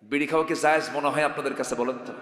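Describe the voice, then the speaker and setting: A male preacher giving a lively sermon at a religious gathering, often calling on the crowd to answer louder. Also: fairly high pitch, very fast, background noise. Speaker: Islamic preacher. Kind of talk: Bengali waz sermon. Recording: echoey hall sound.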